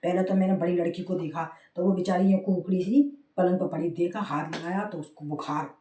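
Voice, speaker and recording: A woman's voice: lowish voice, fairly even intonation, fairly quick, warm tone, echoey room. A middle-aged woman vlogging in a casual, rambling way, telling an emotional story about her family.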